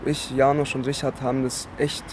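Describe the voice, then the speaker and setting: A man who trains a dance group, talking earnestly and a little haltingly in a documentary interview. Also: mid-range voice, flat delivery, noisy background.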